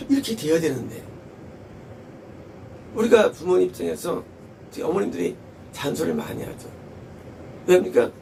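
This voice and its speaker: A man's voice: high-pitched, vocal fry, a little mellow, distant mic, a little hiss or hum, rough recording. A male pastor preaching a sermon with emphasis, repeating key phrases and asking rhetorical questions.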